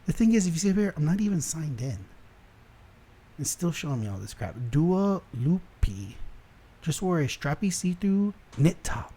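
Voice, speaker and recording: A young man from South Texas runs through online headlines in a loose commentary show. His voice sits a little high for a man but sounds mellow and warm. He rants in an animated, exasperated way and keeps breaking off and restarting his sentences. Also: moderate pace, breathy edge. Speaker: host.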